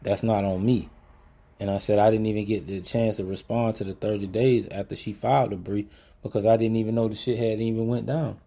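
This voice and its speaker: A man's voice: lowish voice, steady tone, brisk, mellow. A man hosting a podcast, telling a personal story in a blunt, profane, emphatic way that turns motivational. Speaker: podcast host.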